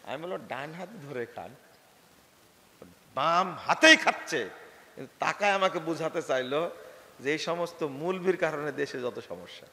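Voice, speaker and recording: A man preaching a fiery sermon, scolding and mocking, swinging between shouts and mutters. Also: on the high side, animated, normal speed, creaky, in a large hall.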